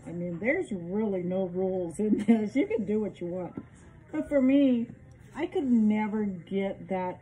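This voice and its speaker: A woman giving a casual craft demonstration, her voice muffled because she is speaking loudly through a respirator mask. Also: medium pitch, slight background noise. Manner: chatty, self-deprecating, speaking loudly. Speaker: craft tutorial maker. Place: home craft area with fans and open windows.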